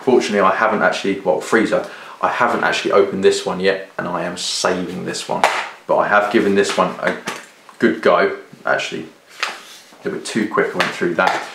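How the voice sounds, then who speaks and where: A man's voice: deep voice, little pitch movement, a little fast, vocal fry, background noise. A British man giving a casual, rambling product review to camera, hesitating and often rephrasing as he goes. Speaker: video reviewer. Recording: roomy, echoey sound.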